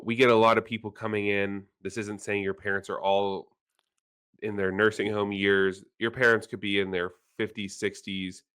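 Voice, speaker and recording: Brief: male financial planner, host, slightly low voice, relaxed and wry. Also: smooth. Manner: easygoing, self-deprecating humor. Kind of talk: casual podcast chat.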